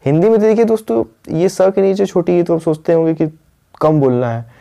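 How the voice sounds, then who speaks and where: A man teaches English pronunciation in a patient, repetitive way. He keeps checking in with his viewers. His voice is a little high, gravelly and mellow. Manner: patient, repeats words slowly, often checks in with the viewers. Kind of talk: explanatory lesson at a whiteboard.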